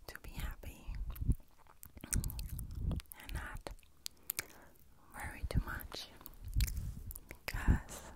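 A woman in her thirties gives a soothing, reassuring pep talk in an ASMR whisper, speaking right up against a handheld recorder in a small room. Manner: soothing, reassuring, slow and deliberate. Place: small carpeted room indoors. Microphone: handheld recorder held right at the lips.

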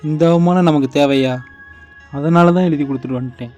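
A man's voice: a little fast, a little mellow, soft background music, lightly acted. A man playing a wounded, weary father. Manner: hurt, weary, low-spoken. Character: father, humiliated at work and heartbroken. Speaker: father of two daughters. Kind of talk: family short-film drama.

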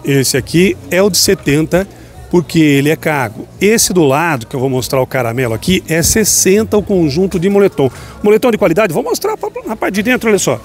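A man with a slightly high voice hosts a market vlog. He walks along a busy outdoor street at night, filming on a handheld phone. He keeps up a chatty, upbeat patter aimed at his viewers. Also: big pitch swings, fairly quick, faint music behind. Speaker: shopping vlogger touring a street market. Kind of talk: walking market vlog with vendor chat. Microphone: handheld phone camera.

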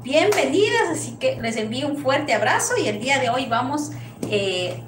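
A sewing instructor from Ecuador, with an Ecuadorian Spanish accent, teaches a live lesson in a small workshop, offering warm blessings and greetings and frequently checking in with "¿sí?". Her voice sits high, animated, at normal speed. A lapel mic on a camera set back leaves the audio distant, echoey and noisy.

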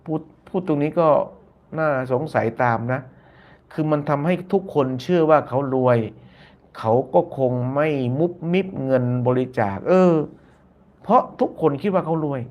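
Here a YouTube channel host talks at a moderate pace with a fairly high-pitched male voice, and the recording has its highs cut off. It's casual live-stream commentary: he reads viewer comments aloud, often repeating phrases and adding polite particles to his lines.

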